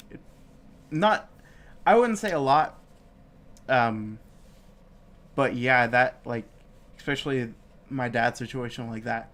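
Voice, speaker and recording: Sniffly from a cold, a young podcast co-host chats casually in a live-streamed home studio session, rambling, swearing, and using many fillers. He speaks at a medium pitch with a slightly bright tone, and there's slight background noise.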